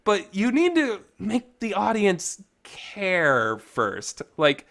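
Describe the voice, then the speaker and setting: A man hosting a visual novel review channel speaks in a casual, unscripted podcast style, colloquial and emphatic with some mild swearing. His high-pitched, slightly bright voice swoops wildly and draws words out, and the makeshift home recording is reverberant.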